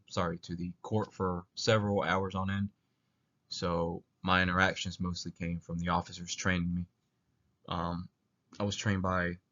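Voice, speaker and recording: Young male student presenter, sick with flu: low and monotone, hesitant delivery, muffled lo-fi sound. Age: young adult. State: sick with flu, coughing now and then. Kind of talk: narrated presentation. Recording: dull lo-fi voice recording.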